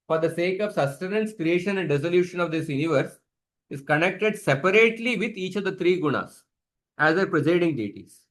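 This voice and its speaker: A man teaching a scripture class, chanting Sanskrit verses slowly for students to repeat and patiently explaining pronunciation. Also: high voice, a bit bright. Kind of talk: online scripture class with call-and-response chanting.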